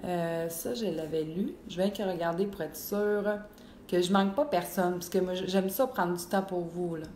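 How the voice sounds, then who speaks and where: A woman's voice: lowish voice, moderate pace. A young woman with a Québécois accent hosting a live cooking stream, chatting casually and answering viewers. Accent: Québécois French. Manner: chatty and animated, full of fillers. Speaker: cooking show host. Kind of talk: live-stream cooking chat reading comments. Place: home kitchen. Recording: echoey room with faint noise.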